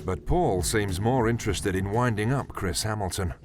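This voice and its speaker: A man's voice: fairly low pitch, normal speed. A man reading scripted narration for a television documentary. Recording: voice-over with music bed.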